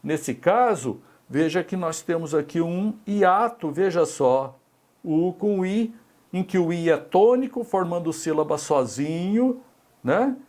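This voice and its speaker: A man's voice: sits high, expressive, takes it slowly, darkish tone. A middle-aged Brazilian man with a Brazilian Portuguese accent teaching an exam-prep grammar lesson, explaining step by step and checking in with tag questions.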